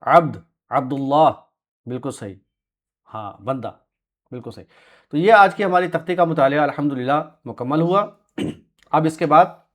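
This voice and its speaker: A man teaching Quranic Arabic words to a class, patiently correcting pronunciation and confirming answers. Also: a little high. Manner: clears throat often, soft short confirmations. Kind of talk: classroom lesson with students.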